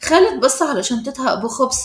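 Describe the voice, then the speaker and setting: A woman with an Egyptian accent narrating a storybook tale in a brisk, dramatic way. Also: sits high, lively intonation, echoey room. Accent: Egyptian Arabic.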